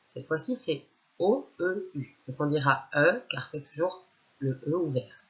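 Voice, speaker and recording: A woman's voice: deep voice, highs cut off. Patient woman teacher sounding out syllables. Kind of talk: reading lesson for young children.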